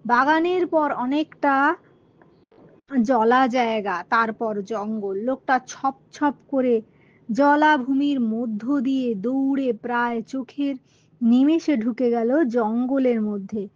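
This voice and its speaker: Slow woman reading a storybook aloud. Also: on the high side, lo-fi sound. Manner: slow, rereads lines and explains words.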